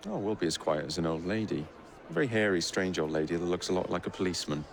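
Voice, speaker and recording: An actor playing a cocky, joking young Victorian gang leader in a game cutscene, with an English accent and a wry, teasing manner. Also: male voice, sits low, lively intonation, quick pace, gravelly. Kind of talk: video game cutscene acting.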